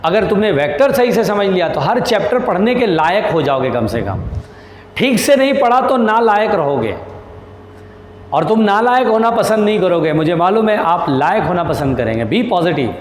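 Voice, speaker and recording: A male physics teacher with a fairly high voice gives a patient lesson, slowly repeating each key term. He reassures his students and calls them "beta". The sound is roomy with a long reverb tail. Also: big pitch swings, a little hiss or hum. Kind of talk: classroom lecture.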